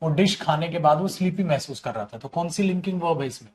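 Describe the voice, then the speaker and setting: This man's voice is on the high side, lively and fast, with a slightly mellow quality. Sipping tea at home or in a studio, he teaches English grammar online, chatting in Hindi between English example sentences and coaxing his students with "bhaiya" and "beta."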